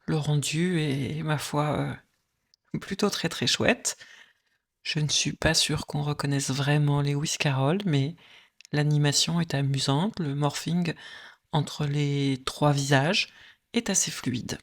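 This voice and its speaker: A woman narrating a screen-recorded software tutorial, explaining step by step with frequent hesitant filler pauses. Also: sits low, fairly even intonation.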